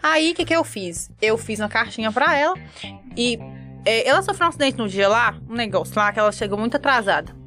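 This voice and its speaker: A woman's voice: on the high side, fairly quick, soft background music. A young woman from Montes Claros, northern Minas Gerais, with a Mineiro Brazilian accent, telling a story in a chat and acting out what everyone said. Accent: Mineiro Brazilian Portuguese. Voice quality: animated, self-dramatizing, quotes others in lively voices. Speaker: guest.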